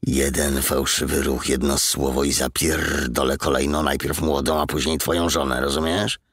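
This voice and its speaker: Guy reading a mean bandit boss, gravelly and raspy, barking orders. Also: extremely low pitch, little pitch movement, moderate pace, fairly bright tone, no room sound, clean studio sound, full character voice. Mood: threatening. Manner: commanding, threatening, coldly businesslike. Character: brutal menacing male bandit leader.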